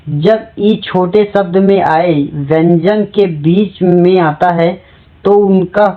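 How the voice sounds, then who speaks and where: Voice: mid-range voice, slow, narrow, tinny audio. A teacher giving a spelling lesson, asking questions and answering them, and repeating each example word.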